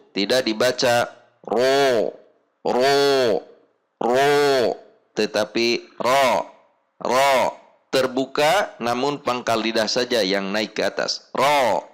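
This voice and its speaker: A man teaching how to pronounce a letter in a recitation lesson, slow and deliberate, repeating sample syllables. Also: mid-range voice, a bit bright. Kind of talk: instructional lesson on letter pronunciation.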